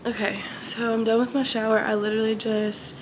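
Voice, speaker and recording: Stuffed up and hesitant, a young adult vlogger rambles candidly to her audience in a relaxed confessional chat while sick with congestion and a chest cough. Her voice is a little high and level, the pace a little quick, with background noise.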